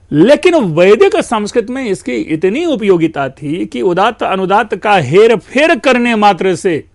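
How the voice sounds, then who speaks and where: High-voiced man giving a slow lecture. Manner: explains slowly, drawing out sounds and mixing in English; addresses listeners as friends. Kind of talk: academic lecture.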